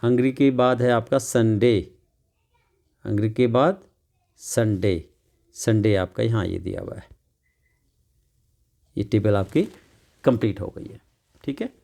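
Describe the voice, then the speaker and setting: Man, gravelly voice, patient repetitive English tutor, asks and answers his own questions. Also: lowish voice, takes it slowly, pauses often, warm tone. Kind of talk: classroom lesson explaining a workbook.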